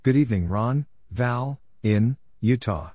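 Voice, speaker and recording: A Morse code practice narrator reads a spoken drill of radio exchanges in short, isolated phrases, spelling out letters and numbers one at a time. His mid-range voice is a little mellow and measured in pace, recorded in a clean studio with no room sound.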